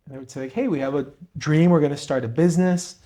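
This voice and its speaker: A young Peruvian man who co-hosts a podcast shares his story and offers advice in an earnest, motivational way during a conversational interview. His voice is on the high side, fast and mellow.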